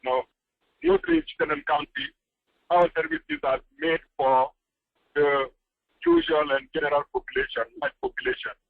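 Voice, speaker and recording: Man, breaking-up phone line, tinny and dry, fairly high voice, earnest with fillers. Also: wildly swooping pitch, vocal fry, dry recording. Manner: earnest, pauses often with fillers. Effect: choppy phone line breaking up. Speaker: panelist calling in by phone. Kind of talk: panel discussion.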